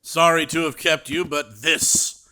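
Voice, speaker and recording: In an audio drama, an actor plays a brash, self-assured and grandiose male theater director with theatrical flair. His natural voice runs on the high side, steady and a little slow, against a noisy background.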